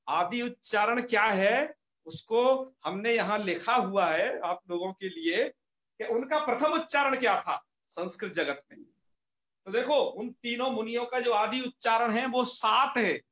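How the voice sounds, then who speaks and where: Male teacher, high and bright, patient explainer who repeats terms and quizzes himself aloud, echoey room. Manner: patient, repeats key terms and asks rhetorical questions. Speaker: Sanskrit grammar teacher. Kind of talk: online class lecture.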